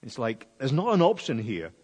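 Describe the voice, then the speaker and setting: A man preaching a sermon in a church, telling the story in a lively way and acting out the crowd. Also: mid-range voice, normal speed. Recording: long hall reverb.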